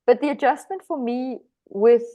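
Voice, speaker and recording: An author guest on a podcast, a South African woman with a matching accent, answers interview questions with frequent hesitant restarts and easy laughter. She speaks at a moderate pace in a high voice, and the recording is muffled.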